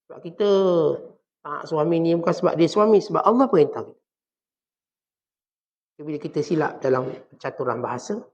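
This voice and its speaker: A man with a Malaysian Malay accent preaching to a congregation, often acting out the quoted speakers in soft and in harsh voices. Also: a little high, gravelly. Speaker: religious teacher. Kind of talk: sermon. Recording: dull lo-fi recording.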